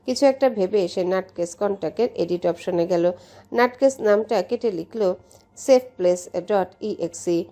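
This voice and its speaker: A woman from Bangladesh reads a romance story aloud like an audiobook. Her mid-range voice stays steady and measured throughout.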